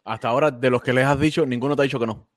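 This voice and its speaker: A man's voice: medium pitch, fairly even intonation, very fast. A man interviewing a guest casually, with short affirming replies and direct questions.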